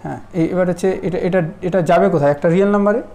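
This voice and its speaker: A man teaching a math lesson in a relaxed classroom style, often asking whether students follow. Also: sits high, fast. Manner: conversational, checks understanding often.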